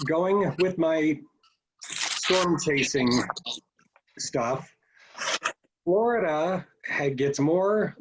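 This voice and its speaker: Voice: medium pitch, breathy edge, low-quality recording. A contestant on a video-call game show, chatting and making joking asides. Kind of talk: casual game chat over a video call.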